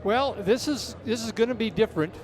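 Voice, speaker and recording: A man's voice: sits high, fairly quick, noisy background. A man doing casual, conversational play-by-play of a baseball game. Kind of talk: casual conversational sports commentary.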